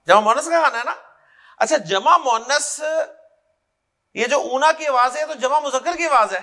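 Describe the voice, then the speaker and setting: A man's voice: very high-pitched, bright, forceful tone. A man with a Pakistani Urdu accent teaching Arabic grammar as a lecture, drilling word forms aloud and often checking that students follow. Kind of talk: classroom lecture.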